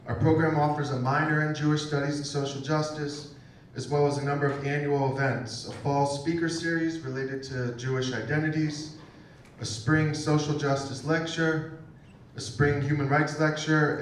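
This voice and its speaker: A man's voice: mid-range voice, slight background noise. Man announcing at an echoey event. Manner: reads announcements with measured pauses. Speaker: program host introducing an event. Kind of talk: formal event introduction. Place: campus event room. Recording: echoey room, far from the mic.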